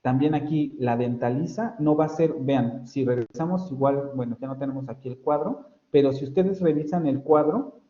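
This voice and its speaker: A man's voice: medium pitch, moderate pace, hardly any pauses, warm tone. A man with a Mexican Spanish accent, a university professor giving an online phonetics lecture, explaining patiently and correcting himself often. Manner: explanatory, self-correcting, frequent fillers. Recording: roomy, dull lo-fi audio.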